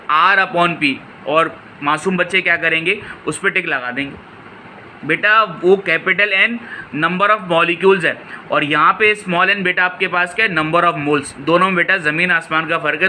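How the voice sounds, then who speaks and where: A man explains exam solutions in a fairly high, strikingly bright voice. He calls his students "beta" and asks questions only to answer them himself. A faint air-conditioning hum runs underneath. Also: a little slow, poor audio. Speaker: physics tutor.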